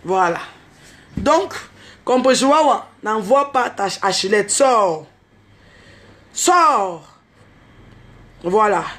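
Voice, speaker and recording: Animated woman ranting. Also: mid-range voice, extremely slow, long pauses. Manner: animated storytelling, mixing in street slang; exclaims and calls out to others. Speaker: online video host. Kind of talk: unscripted direct-to-camera rant.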